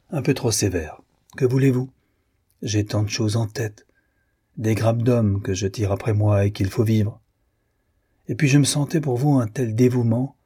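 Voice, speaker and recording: A grave husband confessing his failings in a firm, cold, grieving tone, read by a man. The voice is low and mellow with a husky edge. It comes from a spoken audiobook. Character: stern, remorseful husband, grave and proud. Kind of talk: audiobook reading.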